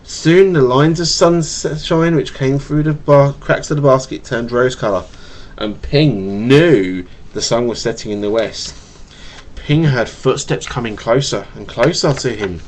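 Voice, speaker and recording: With a little hiss or hum in the background, a man with a mid-range voice reads his child a bedtime picture book at a measured pace. A stutter has him stumbling and repeating words. He's recorded at home on a webcam mic.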